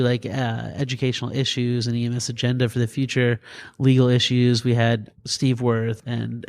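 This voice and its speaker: A middle-aged man from New Jersey, a paramedic and doctor, telling lively stories in a casual interview and laughing as he talks. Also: creaky. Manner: animated, laughs through stories, quick pitch jumps. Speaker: guest, paramedic and EMS physician.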